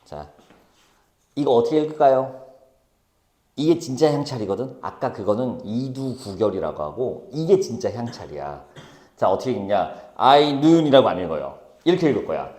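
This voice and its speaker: A man teaching a high school Korean class, brisk and teasing, calling on students by name. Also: very animated, a little mellow. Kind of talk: classroom lecture. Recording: echoey classroom.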